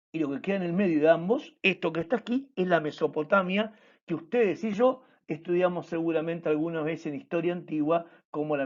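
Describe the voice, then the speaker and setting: A man delivers a recorded church lesson at a very unhurried pace, his voice sitting somewhat high for a man. He lays out each idea step by step, circling back to repeat key words. The recording sounds dull and lo-fi. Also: a little mellow. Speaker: church class teacher.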